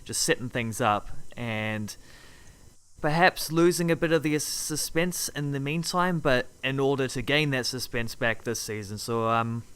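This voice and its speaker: Smooth-voiced New man, offhand podcast chat. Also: medium pitch, unhurried, fairly bright tone. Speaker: podcast co-host. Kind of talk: casual podcast chat about television.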